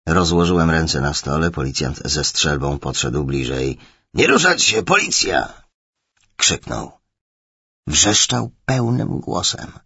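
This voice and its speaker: A man with a very deep, gravelly voice reads a first-person thriller at a measured, low-key pace. His tone is husky, and the recording sounds dry and slightly dull. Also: fairly bright tone, no echo. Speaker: audiobook narrator.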